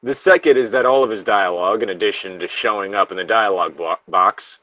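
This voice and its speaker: A man co-hosting a creepypasta reading reads the horror story aloud casually, with joking banter and the odd stumble. His voice is lowish, brisk and sharp, recorded without echo but with the high frequencies cut off.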